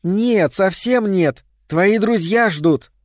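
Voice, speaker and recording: Creature girl, sweetly luring, high and bright; a male audiobook reader voices her. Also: slow pace, dry recording, studio quality. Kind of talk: audiobook narration.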